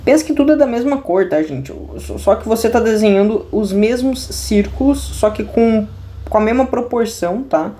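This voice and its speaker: A woman's voice: on the high side, lively intonation, normal speed, dark tone. A woman with a Brazilian Portuguese accent teaching a casual math lesson at her desk, joking, full of slang and talking straight to viewers. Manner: restless, many restarts and asides. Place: at a desk indoors.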